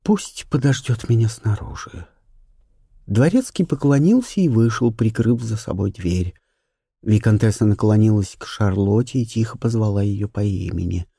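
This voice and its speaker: A male narrator with a mellow, darkish tone, reading an audiobook in an even, measured way. The sound is dry and close, with no room around it. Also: fairly low pitch, gravelly, husky, no echo.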